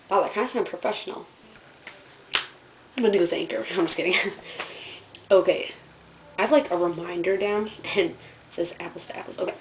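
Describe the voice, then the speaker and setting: A woman's voice: fairly low pitch, steady tone, moderate pace, pauses often, background noise. A teenage girl telling rambling stories about school in a casual vlog, giggling and filling her talk with fillers. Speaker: student vlogger.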